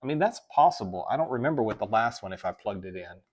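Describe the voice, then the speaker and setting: A man from the American South hosts a casual tech livestream with a Southern US accent, rambling, correcting himself and reading viewer chat aloud. His lowish voice is expressive and quick-paced. He uses a desk microphone, and there is slight background noise.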